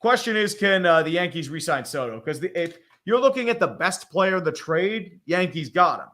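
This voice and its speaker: A man's voice: high-pitched, lively intonation, normal speed, bright, forceful tone. A man co-hosting a live stream, talking about sports trades in a blunt, profane, rambling way. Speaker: co-host. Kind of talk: casual live-stream chat.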